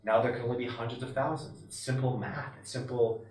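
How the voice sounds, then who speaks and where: A man's voice: mid-range voice, fairly quick. Emphatic man in a roomy room. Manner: emphatic, animated, often voices what others might say. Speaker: wilderness expert interviewee. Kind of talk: passionate interview talk. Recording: roomy and distant from the mic.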